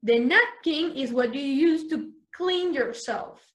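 A young adult woman leads an online English lesson for small children, drawing out each letter as she spells and cheering the class on. Her voice sits high and her pace is very slow and deliberate. She moves back and forth between English words and Spanish explanations. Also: animated, fairly bright tone. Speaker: teacher.

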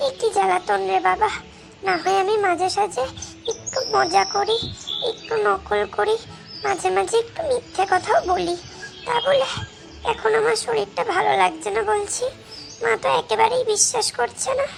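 A woman's voice: very high-pitched, fairly even intonation, normal speed, gravelly, heavily acted. A whiny cheeky little girl. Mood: grumbling. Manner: whining, sulky muttering, fake crying. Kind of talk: Bengali cartoon voice acting. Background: background music.

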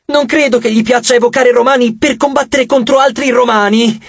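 A man's voice: extremely high pitch, steady tone, normal speed, husky, dry recording, muffled recording, pitched above the performer's own voice, full character voice. A man voicing an anxious teenage boy. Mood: strained. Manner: urgent, shaken. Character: anxious teenage boy, son of the underworld god.

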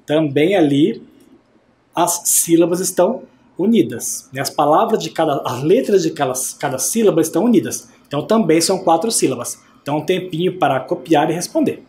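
A man teaching an adult science class, speaking patiently and clearly and often checking whether his students follow. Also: a little high, animated, a little fast, darkish tone. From Brazil. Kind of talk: recorded class for adult learners.

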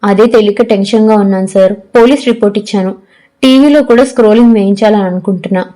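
A woman's voice: medium pitch, fast talker, dark tone, close to an everyday voice. Woman voicing a tense, stern father. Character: stern worried middle-aged father.

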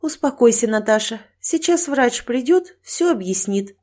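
A woman narrator voicing a hospital nurse who speaks slowly and reassuringly in an audiobook. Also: a little high, lively intonation, a little mellow, voice pushed up. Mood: soothing.

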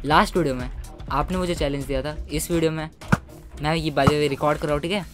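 A man doing casual gameplay commentary for his gaming videos. He is chatty and excitable and keeps calling his viewers "guys". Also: on the high side, fast talker, over loud music.

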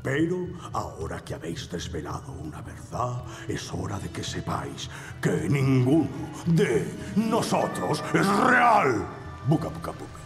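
A man's voice: medium pitch, sing-song, a little slow, vocal fry. A man with a Castilian Spanish accent voicing a solemn, portentous cartoon liquor-bottle sage. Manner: portentous, theatrical. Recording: reverberant cavern, music behind.

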